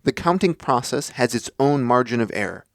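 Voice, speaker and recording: Male podcast host, mid-pitched, deliberate scripted explainer, dry close mic. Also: animated, no room sound.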